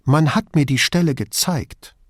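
A male reader voicing a stern female police officer who speaks firmly and deliberately. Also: on the high side, dry recording, clean studio sound, pitched above the performer's own voice.

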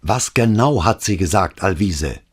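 A stern police commissioner, played by a man reading aloud, pressing with firm, insistent questions. The voice is husky and low with lively pitch movement. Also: measured pace, exaggerated voice. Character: stern controlled middle-aged male police commissioner.

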